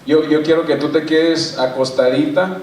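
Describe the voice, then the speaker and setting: A preacher playing a sweet-talking husband in a joke. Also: male voice, fairly high pitch, steady tone, moderate pace, a little mellow, distant mic, natural voice. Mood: coaxing. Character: cheerful husband sweet-talking his wife. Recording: echoey church hall, mic from afar.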